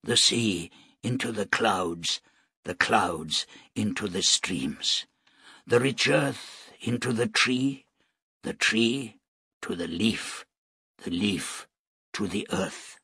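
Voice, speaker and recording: Man voicing a gentle devout shipbuilder, low and hushed, slow, slightly husky, storybook reading. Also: no room sound, clean studio sound, full character voice. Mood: soft, reverent. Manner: soft, quiet and measured.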